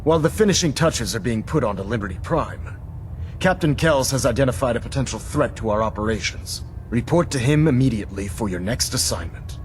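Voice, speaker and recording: A man plays a commanding military leader from a video game, with a mid-pitched voice and formal, measured delivery. He sounds stern and authoritative, over a faint background hum. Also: expressive, lightly acted. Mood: solemn, commanding. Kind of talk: scripted video game dialogue.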